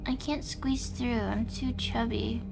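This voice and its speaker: A young woman streaming a game, chatting casually, reacting aloud and thanking her viewers, her voice going hoarse. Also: a little high, steady tone, slow pace, music in the background. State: losing her voice.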